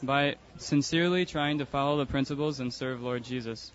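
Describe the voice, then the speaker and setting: A man on the street calmly and earnestly explaining his religious views in a debate. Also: mid-range voice, moderate pace, muffled recording, a little hiss or hum. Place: outdoors on a city street.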